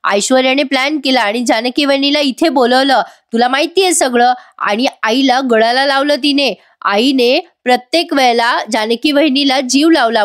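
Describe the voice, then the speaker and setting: A woman's voice: sits high, close to an everyday voice. A woman voicing an angry young man accusing his grandmother in a heated way.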